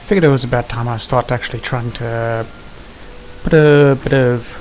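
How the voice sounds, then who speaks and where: This gaming video host has a medium-pitched, darkish voice with fairly even intonation and a normal pace. He mutters casual, understated commentary to himself while game music plays, with slight background noise.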